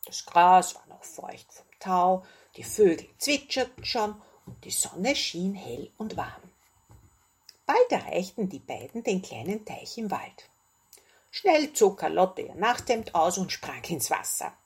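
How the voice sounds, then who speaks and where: A woman gently and expressively reading a children's fairy tale aloud. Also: lowish voice, sing-song, measured pace, husky. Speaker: storyteller. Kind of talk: bedtime story reading.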